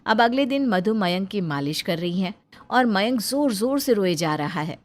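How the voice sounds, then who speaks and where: A woman giving scripted storybook narration for a cartoon, plain and even, speaking to viewers. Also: mid-range voice, moderate pace.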